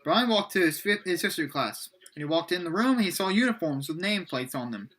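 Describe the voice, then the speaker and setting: A man's voice: high voice, lively intonation, fast, fairly bright tone. A man casually reading his own book aloud, stumbling, correcting himself and adding chatty asides.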